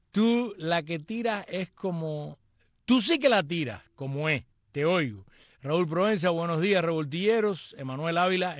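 Chatty host reading comments. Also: male voice, a little high, fairly bright tone, dry recording, studio quality. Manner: chatty, joking asides and greetings. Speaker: radio and live-stream host.

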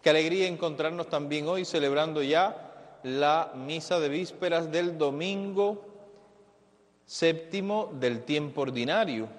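A man, a priest, celebrating Mass in a large church, speaking in a slow, solemn liturgical cadence with a cathedral echo. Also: on the high side. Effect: cathedral echo, long church reverb. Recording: echoey church broadcast with long reverb.

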